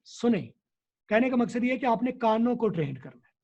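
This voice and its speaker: A man's voice: extremely high pitch, very animated, normal speed. A man, an English teacher explaining in an interview, teacherly and repeating key words to drill them. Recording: dull lo-fi recording.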